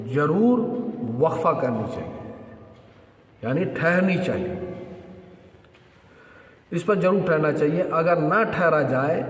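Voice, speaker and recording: A man giving a religious lesson, explaining each point slowly and deliberately. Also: on the high side. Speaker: religious teacher. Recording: echoey hall with long reverb.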